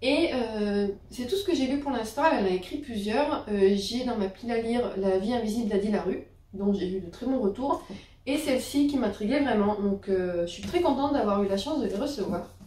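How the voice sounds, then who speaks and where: A woman's voice: on the high side, fairly quick, mellow. A woman chatting casually about her new books, with many fillers and self-corrections. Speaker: book vlogger. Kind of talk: casual book haul chat. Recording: roomy, a bit distant from the mic.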